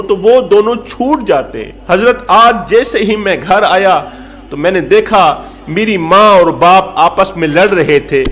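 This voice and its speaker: A man's voice: high voice, fairly bright tone. A man doing a blunt young man arguing his case.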